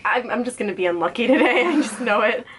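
A young woman in her twenties talks casually and with playful squeamishness. Her high voice jumps around expressively and is often giggly, with faint noise in the small room. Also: lively intonation, fast, fairly bright tone. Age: 20s. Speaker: vlog guest. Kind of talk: casual chat, reacting to a candy taste challenge. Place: small bedroom, indoors.

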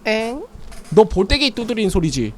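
A woman co-streaming a horror game fires off quick, teasing reactions. Her pitch moves up and down in a lively way, and she rises to sudden yelps at the scares. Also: slight background noise. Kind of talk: let's play commentary.

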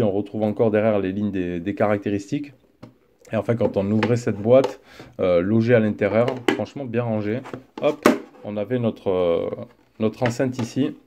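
A man casually reviewing a gadget as he unboxes it, chatty and relaxed, with frequent fillers. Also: medium pitch, a little hiss or hum. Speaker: tech reviewer. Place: indoor desk setup.

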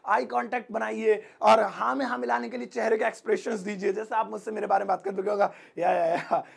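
A man with a Hindi accent teaching spoken English in a fast, joking way, often acting out sample lines. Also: high-pitched, little pitch movement, creaky, slightly rough. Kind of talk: energetic spoken-English lesson.

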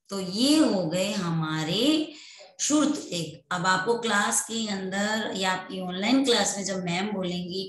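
Woman, primary school teacher, unhurried, patient repetition, mid pitch, roomy echo. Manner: slow and patient, repeating words for children to echo. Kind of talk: online class lesson for young children.

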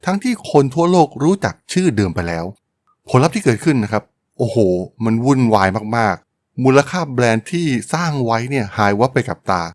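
A man's voice: medium pitch, big pitch swings, fairly quick, no echo. A man hosting a podcast, telling a business history story in a polite, chatty way with frequent exclamations. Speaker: podcast host.

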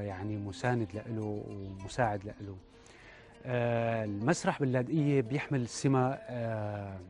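A man with a Syrian Arabic accent, a playwright and theatre director, talking reflectively in an interview with many hesitant pauses. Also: medium pitch, darkish tone.

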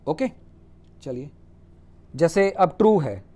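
Male teacher, mellow and fairly high voice, explains spelling rules step by step. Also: expressive. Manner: spells words out letter by letter and checks with "ठीक है?"; reads English rules aloud slowly, then explains them in Hindi. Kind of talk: Hindi lecture on English spelling rules.

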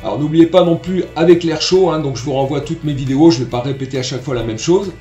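A man's voice: fairly high pitch, fast talker, dark tone, roomy sound, muffled recording, faint music behind. A man teaching trumpet online, explaining tonguing patiently and sounding out syllables as he goes. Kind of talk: online music lesson.

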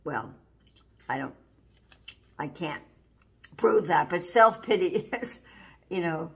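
A woman's voice: on the low side, expressive, slow pace. A woman giving an informal sermon, earnest and repeating key lines, reading scripture aloud. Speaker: Bible teacher.

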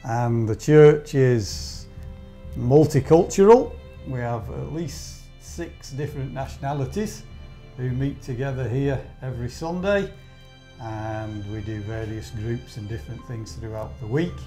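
Mellow-voiced church leader, man. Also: mid-range voice, a little slow, faint music behind. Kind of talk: documentary interview.

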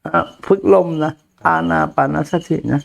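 An older man, a Buddhist monk, giving a blunt, earthy dharma talk to a follower, laughing often. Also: unhurried. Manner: blunt, crude familiar speech, frequent laughter.

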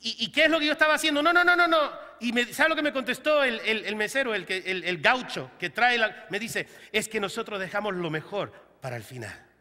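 High bright-voiced pastor preaching in hall. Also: male voice, lively intonation, fairly quick, few pauses. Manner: humorous storytelling, acts out quoted voices. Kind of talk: sermon. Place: church hall. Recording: church hall reverb.

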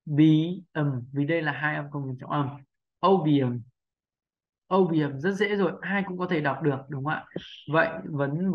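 A man's voice: fairly high pitch, vocal fry. A man teaching English pronunciation in a patient, explanatory way, often checking in with his listeners. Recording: muffled lo-fi recording.

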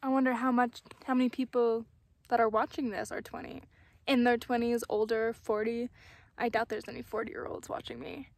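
A woman of twenty vlogs casually on her phone in a dry mountain meadow, holding it at arm's length and later propping it on the ground. Her voice is a little high, her delivery flat and her speed normal as she rambles reflectively, making fun of herself and swearing often.

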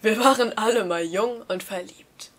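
A woman voicing a fond, joking middle-aged father in a read-aloud story, dropping her voice low and half-whispering. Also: normal speed, natural voice. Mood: confiding.

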